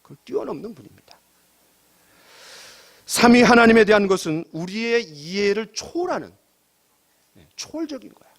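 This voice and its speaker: Male pastor, middle-aged, high lively voice, animated sermon delivery with rhetorical questions. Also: moderate pace, vocal fry, pauses often. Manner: animated preaching with rhetorical questions and quoted asides.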